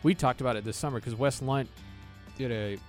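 A man chats casually as a sports radio panelist. His voice is of medium pitch, with faint music in the background. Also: brisk. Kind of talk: casual postgame chat.

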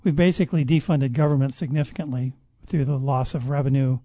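A man speaking as a guest expert in a conversational interview, explaining at length in a measured way and often restarting his sentences. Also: medium pitch, steady tone, mellow, no room sound. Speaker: guest expert on public health.

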